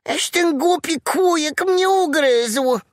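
A man voicing a small, panicky young male piglet in a children's audiobook, with a shrill, shrieking voice. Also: takes it slowly, dry recording, clean studio sound. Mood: panicked shrieking.

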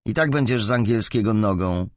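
A man's voice: on the low side, a little fast, no echo, clean studio sound, close to an everyday voice. A man reading an audiobook, voicing a teasing teenage schoolboy.

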